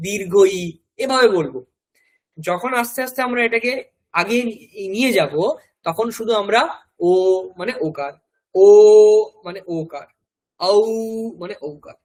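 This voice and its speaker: Slow, drawn-out Bengali male teacher. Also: sits high, fairly bright tone, rough recording. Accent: West Bengal Bengali. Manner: spells words out letter by letter, repeating each word slowly. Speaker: Sanskrit teacher. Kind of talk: classroom language lesson.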